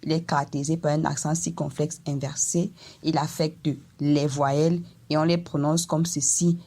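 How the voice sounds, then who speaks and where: A woman teaching a language lesson, explaining slowly and carefully and voicing vowel examples for each tone. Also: low-pitched, little pitch movement, warm tone. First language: Eton.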